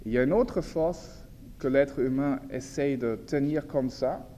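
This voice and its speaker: In a reverberant hall with slight background noise, a man with a mid-range voice gives an informal lecture. He is a native German speaker with a German accent in his French. He speaks haltingly, searching for words and correcting himself as he explains. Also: mid-range voice, warm tone.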